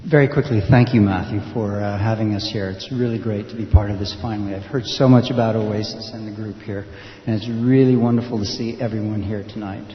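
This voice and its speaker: A man from the United States speaks at a panel event in a lowish voice. He moves quickly through his story and corrects himself along the way. The recording is dull and roomy, with a long hall echo and faint hiss. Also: steady tone. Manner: quick, loosely structured, self-correcting.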